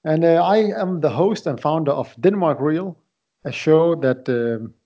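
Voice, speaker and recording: A man in his late twenties, originally from Iraq, talking as a podcast guest in a halting way, often repeating words as he searches for them. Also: fairly high pitch. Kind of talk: casual interview talk. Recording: dull lo-fi audio.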